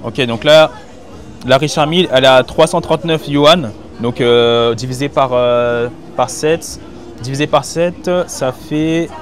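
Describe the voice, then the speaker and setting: Recorded candidly on location by a hidden mic, with music playing behind, a vlogger wanders busy market stalls reviewing goods for his viewers. He addresses them in informal, slangy French, thinking aloud as he shops. His voice sits at a medium pitch, and he takes his time.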